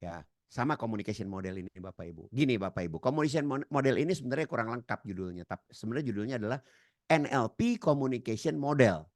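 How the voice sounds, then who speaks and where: A man giving a seminar lecture, addressing the audience directly and acting out quoted dialogue with sudden loud, high outbursts. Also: animated, fast, no room sound, clean studio sound. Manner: addresses audience as Bapak Ibu. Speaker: trainer.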